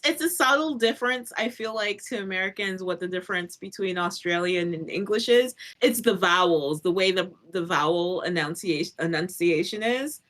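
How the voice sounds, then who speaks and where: A woman's voice: mid-range voice, a bit bright. A married woman with a Boston accent, a podcast guest chatting casually and laughing easily. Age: adult, married. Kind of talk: casual chat.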